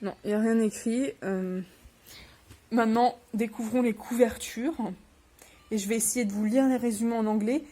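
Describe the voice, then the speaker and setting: In a casual vlog chat, a young woman who's a little under the weather unboxes books, rambling and making fun of herself. She speaks a little high with a dark tone, fairly even intonation, at normal speed.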